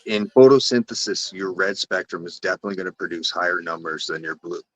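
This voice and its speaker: A man's voice: sits low, fairly even intonation, fast, no echo. A man with a Canadian accent, a guest on a casual live stream, talking in rambling, self-correcting runs and swearing casually. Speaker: guest cannabis breeder.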